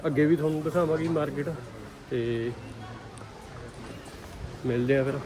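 A Punjabi man hosts a casual vlog in a fairly high male voice. He banters heartily with his mates and talks to viewers in a loose, everyday way. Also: moderate pace, crowd noise. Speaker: vlogger and cameraman. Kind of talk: casual shopping vlog chat.

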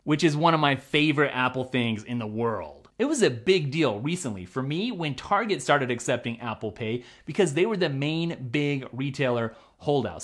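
A tech channel host reads a scripted review with a bouncy, widely varied pitch. The delivery is opinionated and enthusiastic, with the odd wry, deflating aside. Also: a bit bright. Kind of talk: scripted tech commentary vlog.

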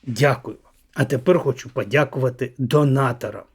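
A middle-aged man hosting a political vlog, speaking slowly and drawn out, sometimes dropping to a near whisper as he thanks donors. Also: medium pitch, breathy edge. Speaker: channel host.

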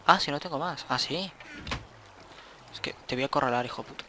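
A man's voice: mid-range voice, brisk, background noise. A young man, rambling casually to himself while commenting on his gameplay and swearing at the game now and then. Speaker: gaming channel host.

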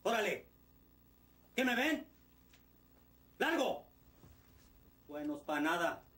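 A man's voice: high voice, big pitch swings, takes it slowly, pushed and bright, exaggerated voice. A middle-aged man with a Mexican Spanish accent playing a ruthless, foul-mouthed kidnapper boss who barks orders and threats. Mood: yelling. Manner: barking orders, insulting and threatening. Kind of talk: low-budget film acting. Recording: echoey room with music underneath.

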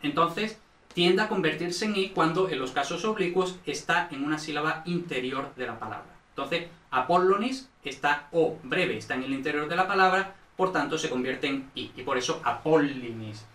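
A man's voice: a little high, moderate pace, a bit bright, roomy sound, recorded from a distance, slight background noise. A man from Spain, explaining Latin grammar in a recorded online lesson, often checking in with short tag questions. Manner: explanatory, frequent checks with "¿vale?" and "¿no?". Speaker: Latin teacher.

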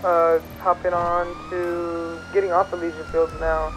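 A man's voice: high voice, little pitch movement, measured pace, noisy background. Man calling out a chase over radio. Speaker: police officer in a roleplay. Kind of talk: terse radio callouts during a chase.

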